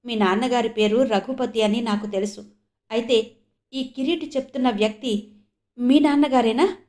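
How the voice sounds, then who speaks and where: A woman narrator voicing a kindly elderly grandfather who speaks in a gentle, wondering tone. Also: medium pitch, steady tone, fairly quick, natural voice.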